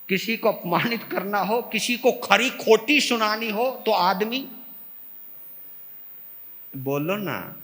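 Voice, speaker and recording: Lively high-pitched man preaching in a hall. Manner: lively, swings from loud to soft, acts out quarrels. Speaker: Jain monk giving a discourse. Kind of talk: sermon.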